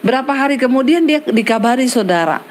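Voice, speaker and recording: A woman pastor delivers a sermon, retelling a testimony with animated storytelling. Her voice sits fairly high for a woman. She slips into the voices of the people she quotes. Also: a little fast, a little hiss or hum.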